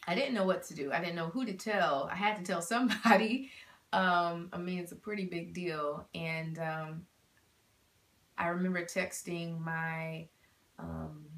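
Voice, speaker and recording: Young woman, vlogger, bright voice, slightly low pitch, echoey room, heartfelt storytelling. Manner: heartfelt, animated, swings between hushed and excited. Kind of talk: emotional personal storytelling.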